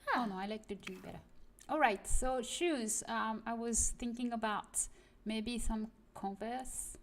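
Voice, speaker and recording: A woman who is not a native English speaker, giving casual game-stream commentary and pausing to translate in her head as she searches for words. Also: fairly high pitch, slight background noise. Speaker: host of a game building stream.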